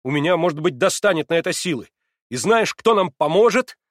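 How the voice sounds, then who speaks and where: A man's voice: a little high, fairly quick, dry recording, voice pushed up, natural voice. Brief: male reader doing an eager young man, raised voice, fervent, dry audiobook sound. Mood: heated. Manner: heated, excitable, swearing oaths.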